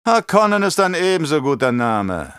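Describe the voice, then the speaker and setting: A man's voice: on the high side, big pitch swings, moderate pace, a bit bright, clear, resonant tone, no echo, studio quality, soft background music, pitched above the performer's own voice. A man reading an audiobook and voicing a scheming, menacing baron who growls commands in a cold voice. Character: scheming, menacing middle-aged male baron.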